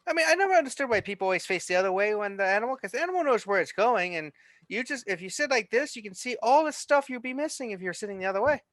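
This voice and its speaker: A man playing a tabletop game, improvising casually in a halting, deadpan way. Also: sits high, no room sound. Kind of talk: casual improvised role-play.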